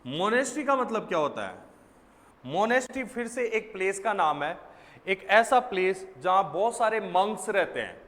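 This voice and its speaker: A man teaches word meanings for exams in a fairly high voice. He repeats key words and asks questions, then answers them himself. His voice carries a long reverb, as if in a hall. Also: sing-song, moderate pace, fairly bright tone. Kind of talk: exam vocabulary lesson.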